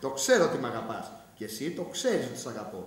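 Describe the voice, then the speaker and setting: An actor playing a flippant, teasing husband in a stage comedy, talking in a breezy, mock-reasonable way. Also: male voice, medium pitch, wildly swooping pitch. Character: flippant, charming husband who is leaving his wife. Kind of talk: theatrical stage acting. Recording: very echoey stage, mic far off.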